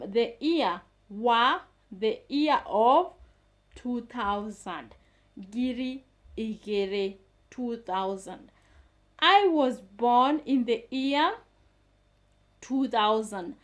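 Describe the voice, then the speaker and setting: A woman teaching a beginner language lesson, slowly repeating each phrase for the learner. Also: on the high side, fairly bright tone. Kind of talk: slow, patient language lesson.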